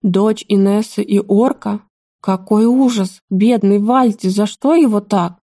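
An anxious, imperious queen mother, voiced by a woman reading an audiobook, with a soft, mellow tone in a dry, close recording. She gives orders in a firm voice and quickly turns to fearful lament. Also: on the high side, dry recording. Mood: alarmed. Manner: commanding, then alarmed and wailing. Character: stern royal mother, anxious and fussy.

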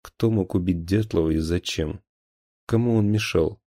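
A dutiful police officer who stands up for his men, voiced by a man in an audiobook. He reports in a brisk, matter-of-fact way in a low, dark voice. The read is close and dry. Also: no echo, close to an everyday voice. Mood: firm, businesslike.

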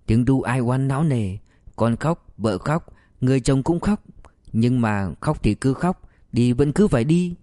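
A man narrates a story for an audiobook, with measured, expressive pacing. His tone is mellow and darkish and middle in pitch. The sound is dry and close, with no room around it. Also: no room sound.

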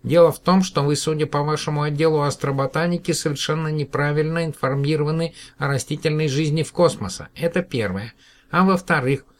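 A man's voice: a little fast, close to an everyday voice. A man voicing a tiny, childlike alien cosmonaut who boasts and speaks earnestly in a raised, piping voice. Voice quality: high, piping voice. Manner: earnest, declaiming.

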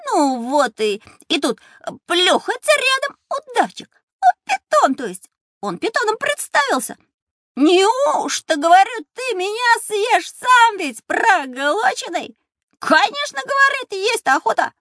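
A woman voicing an unknown small female creature who is chatty, boastful and cheeky, telling her tale with quick teasing energy in a radio play. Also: extremely high pitch, no room sound, clean studio sound, exaggerated voice. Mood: storytelling. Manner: quick, teasing, lively storytelling.

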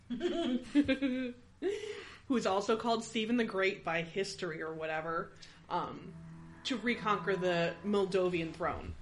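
A woman's voice: mid-range voice, a bit bright. A woman hosting a podcast, casually telling a history story with many fillers and frequent laughs. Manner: rambling with fillers, laughs often.

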